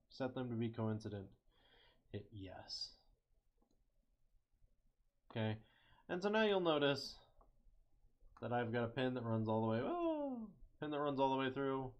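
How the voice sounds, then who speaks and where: A young man casually talking through a CAD design on screen, thinking aloud, correcting himself and cracking small jokes. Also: medium pitch. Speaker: engineering student. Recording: slightly muffled lo-fi mic.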